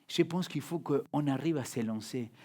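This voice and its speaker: A young adult man preaching a sermon as a pastor, speaking French with a non-native accent, emphatic, swinging between loud and hushed, repeating words. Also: medium pitch, normal speed.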